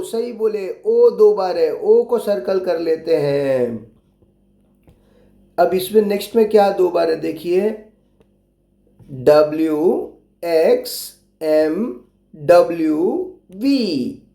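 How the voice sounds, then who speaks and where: Slow, gravelly-voiced male teacher. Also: high-pitched, dark tone. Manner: patient, repeats prompts and spells letters out slowly. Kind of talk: explaining a workbook lesson to young children. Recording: roomy echo.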